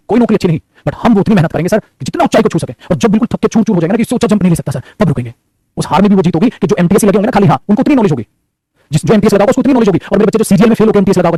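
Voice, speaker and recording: A man lectures a class at a rapid clip, his voice slightly raised in pitch and husky at the edges. The tone is dark and mellow, yet he scolds and spurs his students on in the same breath. He drops English grammar terms into a dry, close sound. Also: dry recording. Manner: fiery, scolding, calls students son and my child. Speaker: English teacher coaching for government exams.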